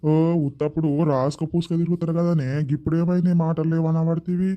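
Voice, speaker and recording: A man's voice: fairly high pitch, fast talker, lo-fi sound, close to an everyday voice. A man doing a grumbling Telangana village man. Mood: teasing. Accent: Telangana Telugu. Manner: flat grumbling asides, teasing. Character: grumbling village man teasing quarrelling women. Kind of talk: comic village skit acting.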